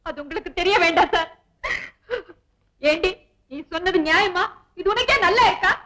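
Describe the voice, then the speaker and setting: An actress playing a frank, quick-witted young orphan woman in a 1960s Tamil film, talking bluntly and reasoning with her employer. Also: high-pitched, a little hiss or hum, lightly acted, rough recording. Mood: tearful, protesting. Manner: blunt and reasoning, addresses him as sir. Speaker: household worker.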